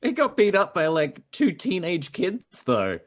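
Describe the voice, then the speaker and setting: A man's voice: high voice, wildly swooping pitch, unhurried. A man playing in a tabletop game, making wry, dry remarks. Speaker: player. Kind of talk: casual tabletop game play.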